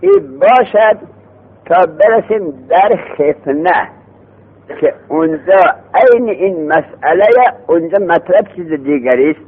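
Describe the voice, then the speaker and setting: A man teaching a lesson on grammar who quizzes his students and answers his own questions. He slows down to read the text aloud, then speeds up to explain it. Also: on the high side, expressive, slightly rough. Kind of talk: Arabic morphology lesson. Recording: tinny phone-like sound.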